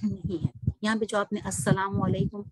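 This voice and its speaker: A woman teaching an online recitation class over a video call, explaining patiently and slowing down to recite examples. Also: mid-range voice, level tone, noisy background.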